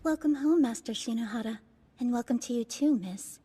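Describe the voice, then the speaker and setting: A woman playing a polite young maid in an anime dub, speaking formally in a composed, deadpan way. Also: on the high side, fairly quick, noisy background, lightly acted.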